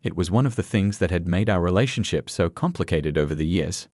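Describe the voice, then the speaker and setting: A male narrator telling a scripted first-person story in an earnest, expressive way. His voice sits low, his pitch moves a lot, and the sound is close and dry. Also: fairly quick, no echo.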